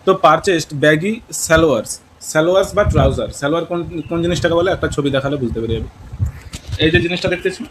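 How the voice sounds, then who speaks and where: A man's voice: fairly high pitch, lively intonation, racing, slight background noise, low-quality recording. A man teaching an English lesson in Bengali with a West Bengal accent, mixing in English words and questioning his students. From West Bengal, India.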